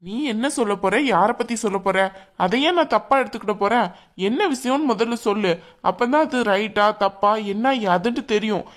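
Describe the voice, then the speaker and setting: A woman's voice: medium pitch, fairly quick. A woman acting in a family drama, speaking in a coaxing, questioning way. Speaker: concerned mother-in-law figure in a family drama. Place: indoors at home.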